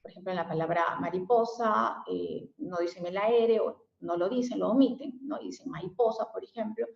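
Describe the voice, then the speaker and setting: A woman's voice: fairly low pitch, steady tone, brisk, vocal fry, a little mellow. A woman giving an explanatory lesson as a special education teacher, often adding fillers and tag questions. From Mexico. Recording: echoey room, dull lo-fi sound.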